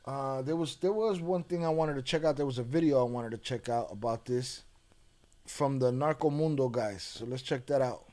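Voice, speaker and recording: A man's voice: mid-range voice, moderate pace, dark tone. A man hosting a livestream, chatting casually in a profane, rambling way. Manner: profane, rambling, thinks aloud. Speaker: livestream host.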